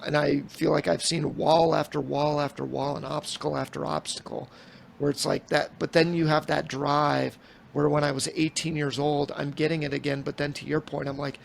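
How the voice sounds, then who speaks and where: Man, 40s, podcast co-host, rambly casual talker, heavy vocal fry. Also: on the high side, slight background noise. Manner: rambling, acts out quoted conversations. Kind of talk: casual chat.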